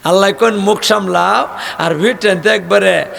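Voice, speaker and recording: An older man preaching a folksy, joking sermon, rising at times to shouts. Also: high-pitched, normal speed, creaky, a little hiss or hum.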